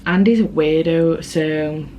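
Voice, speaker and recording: A woman's voice: sits low, slow, dull audio, slight background noise. A British woman chatting casually to camera as a book vlogger, rambling along with self-aware asides.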